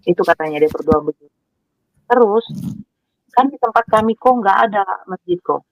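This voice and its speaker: A woman telling her personal story with animated emotion, acting out what people said and repeating words as she goes. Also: mid-range voice, moderate pace, no room sound. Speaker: guest sharing her conversion story. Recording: dry, tinny phone-like sound.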